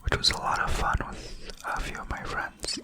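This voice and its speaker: A person whispering close into the ear, rambling haltingly in an unhurried way over ASMR gameplay. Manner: close, leaning-in whisper into the ears. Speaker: gaming video creator.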